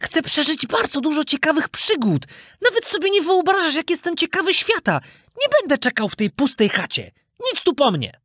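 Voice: sits high, big pitch swings, moderate pace, fairly bright tone, dry recording, studio quality, voice pushed up. A storyteller voicing a cheeky young wooden puppet boy who is restless and scornful.

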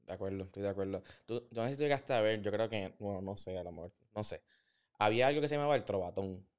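A man hosting a podcast interview, talking in an animated, opinionated way and mixing in English words. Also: lowish voice, quick pace, clean tone. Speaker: podcast host. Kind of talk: casual interview.

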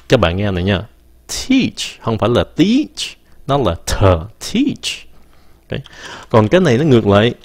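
In a relaxed livestream, a lowish-voiced man teaches English pronunciation, stopping to sound out words slowly and slipping English phrases into his talk.

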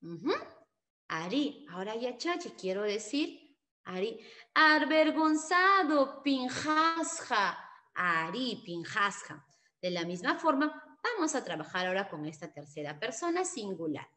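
A woman's voice: mid-range voice, big pitch swings, a bit bright. A woman teaching a language lesson, patiently explaining and drawing out model words and mixing in encouraging words from another language. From Peru. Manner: slow, drawn-out model pronunciations with patient explanations; sprinkles encouraging Quechua words into Spanish.

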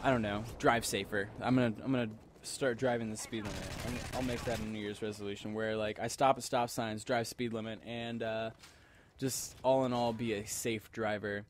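A man's voice: on the low side, fairly even intonation, normal speed, slight background noise. A tipsy man doing casual game commentary, rambling and repeating himself as he talks to his viewers. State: tipsy from alcohol. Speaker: gamer commentator.

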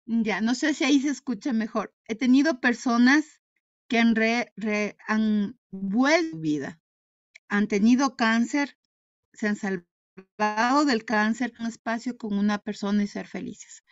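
A woman's voice: on the high side, a little slow, no echo, highs cut off. Woman on a choppy, breaking-up video call. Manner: emphatic, with frequent restarts and broken-off words. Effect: choppy, breaking-up video call connection. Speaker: guest speaker. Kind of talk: earnest conversational talk.

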